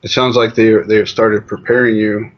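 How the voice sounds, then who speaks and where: This male interview guest has a lowish voice with little pitch movement and a moderate pace. He chats in a loose, rambling style full of "you know"-type fillers during a casual interview captured on muffled, lo-fi audio.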